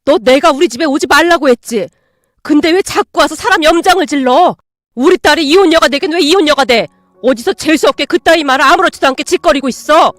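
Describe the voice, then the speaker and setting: A woman voicing an angry middle-aged mother who loudly scolds her daughter-in-law. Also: high voice, expressive, fairly quick, no echo, clean studio sound. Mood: furious. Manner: loud furious scolding.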